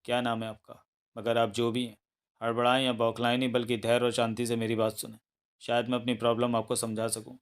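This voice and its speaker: Man voicing a confused husband, calm explaining tone, flat delivery, audiobook novel. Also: medium pitch, brisk, clear, resonant tone, lightly acted. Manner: bewildered then calm and explaining. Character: confused man claiming another man's identity.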